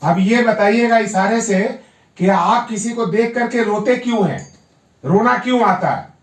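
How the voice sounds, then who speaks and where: This yoga therapist's voice is high-pitched and a little slow as he works with a patient at home, coaxing firmly and saying his words of encouragement again and again. The mic sits far off in a room full of echo.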